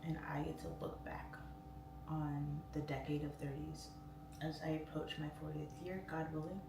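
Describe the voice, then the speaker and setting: A woman's voice: low-pitched, level tone, normal speed. A woman in her late thirties chatting casually as a livestream host, her speech slightly impeded by a swollen, newly pierced tongue. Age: late 30s. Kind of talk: casual livestream chat, reading viewer comments aloud. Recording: roomy echo, distant mic, clear background noise.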